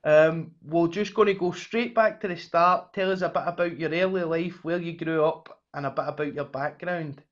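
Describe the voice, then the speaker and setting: A man's voice: fairly high pitch, steady tone, normal speed, few pauses. A man hosting a podcast, introducing his guest and prompting him with brief, encouraging questions. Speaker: podcast host. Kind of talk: casual interview hosting. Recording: dull lo-fi audio.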